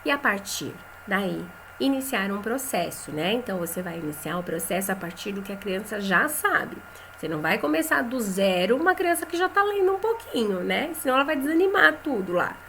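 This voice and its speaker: A woman with a Brazilian Portuguese accent teaching a lesson for teachers, talking in a chatty way, often adding "né?", and saying example words slowly and clearly. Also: mid-range voice, sing-song, fairly bright tone, slight background noise. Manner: conversational, tags phrases with "né?".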